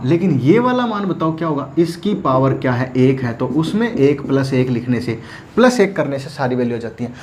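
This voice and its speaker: A man's voice: medium pitch, darkish tone, slight background noise. A man teaching math at a board, asking and answering his own questions and often telling students to pay attention. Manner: asks and answers his own questions, repeats "ध्यान देना". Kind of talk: classroom lecture at a board.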